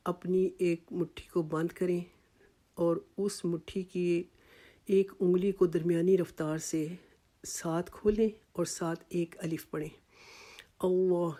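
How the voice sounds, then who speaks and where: A woman with a Pakistani Urdu accent teaching tajweed step by step, slowly and patiently demonstrating sounds and pausing for repetition. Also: on the low side, mellow. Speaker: Quran recitation teacher.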